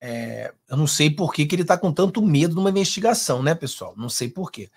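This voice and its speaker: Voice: mid-range voice, expressive, fast talker, husky. A host with a Brazilian Portuguese accent reacting to a clip, mocking and sarcastic, ranting with swearing. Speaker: political commentary host. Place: in the United States.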